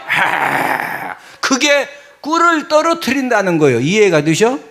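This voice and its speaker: Preacher; high, animated, comic, keeps prodding the congregation. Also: male voice, normal speed. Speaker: pastor. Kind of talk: sermon.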